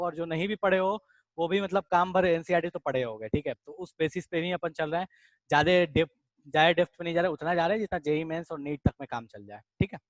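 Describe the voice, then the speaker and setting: A man teaching an online chemistry revision class, talking quickly and casually and calling his students "beta". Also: a little high, no echo. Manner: fast-talking, addresses students as beta, casual Hinglish asides.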